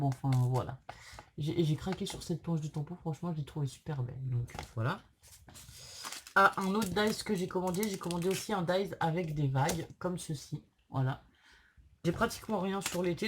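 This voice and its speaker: Casting: female craft vlogger, low voice, sick with tonsillitis and sore-throated, apologetic casual delivery, faint background noise. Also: a little mellow. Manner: hesitant, apologetic, chatty. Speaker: craft channel host. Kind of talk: casual unboxing vlog.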